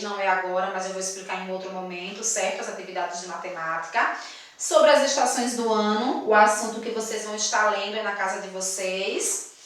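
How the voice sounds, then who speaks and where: A woman's voice: mid-range voice, fairly bright tone, distant mic, slight background noise. Teacher woman in an echoey room. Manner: slow emphatic syllable-stressing explanations with quiz questions. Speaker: primary school teacher. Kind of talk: recorded remote class lesson. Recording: echoey room, voice away from the mic.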